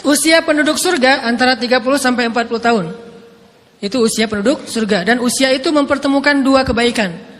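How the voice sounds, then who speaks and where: Preacher guy in his 30s, really high voice, tells the story with voices, big hall echo. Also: a little fast, a little hiss or hum. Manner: animated, acts out quoted dialogue. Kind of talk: sermon storytelling.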